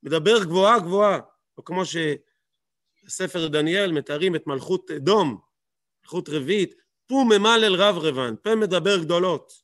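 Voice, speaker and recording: A man with a fairly high voice teaches a Torah lesson. He stresses his points by repeating words and firing rhetorical questions. The sound is dry and close. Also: fairly bright tone, dry recording.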